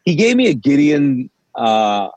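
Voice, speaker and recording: Dull audio without room sound captures a mid-range male voice speaking unhurriedly. He is a pastor from Kuwait whose first language is Urdu, appearing in a casual interview and telling his story in a lively way, acting out each quoted exchange.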